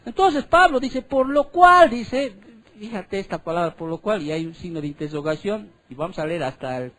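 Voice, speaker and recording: Man preaching, swinging loud to hushed. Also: high voice, lively intonation. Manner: stretches scripture phrases slowly and loudly, then drops into quick quiet asides; keeps checking in with the congregation with short tag questions. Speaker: pastor. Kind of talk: sermon, Bible exposition.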